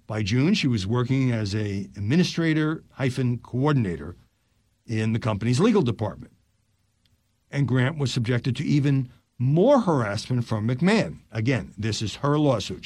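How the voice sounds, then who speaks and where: An older man hosting a news podcast, reading stories aloud and dropping his voice low for quick asides. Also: slightly rough, no room sound, clean studio sound. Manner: animated delivery, drops low for asides.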